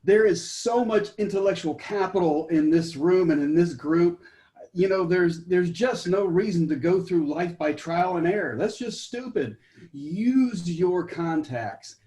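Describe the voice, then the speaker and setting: A man's voice: high-pitched, animated, unhurried, warm tone, roomy sound. A man who works as a home inspector giving a blunt, enthusiastic panel tip and stumbling over his words. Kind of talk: brief panel introduction and advice.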